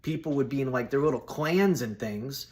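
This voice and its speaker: Here a man in his thirties offers personal opinions on his own video, speaking at a medium pitch and moderate pace with a slightly mellow tone. He addresses viewers in a casual, blunt, buddy-like way.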